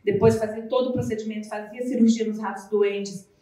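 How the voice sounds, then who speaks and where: A Brazilian woman from Minas Gerais with a Mineiro accent, giving an animated, chatty motivational talk as a nutritionist, with playful asides. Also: mid-range voice, brisk. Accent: Mineiro Brazilian Portuguese. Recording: very echoey room, voice far from the mic.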